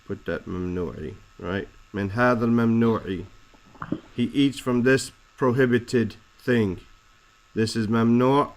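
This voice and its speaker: A man teaching a lesson, explaining Arabic words slowly and deliberately, spelling out letters and roots. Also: medium pitch, rough recording. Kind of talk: classroom explanation of Arabic text.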